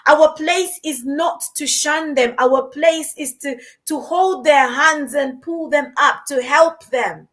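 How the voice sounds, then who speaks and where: A woman's voice: high-pitched, slow pace, few pauses, fairly bright tone. A woman from Uganda hosting a podcast, talking in an earnest, encouraging way and often repeating her words. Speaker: podcast host. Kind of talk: conversational podcast talk. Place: London.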